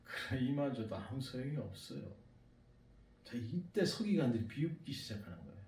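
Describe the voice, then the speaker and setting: A man preaching a Sunday sermon as pastor, animated and acting out the voices he quotes. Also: mid-range voice, a little fast, reverberant, recorded from a distance, slight background noise. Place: church sanctuary.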